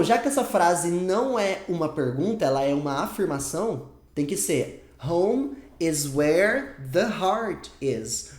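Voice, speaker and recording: Man, English teacher, emphatic, repeats examples slowly, echoey room. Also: a little high, darkish tone. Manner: emphatic and repetitive, models English words slowly. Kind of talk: online video lesson.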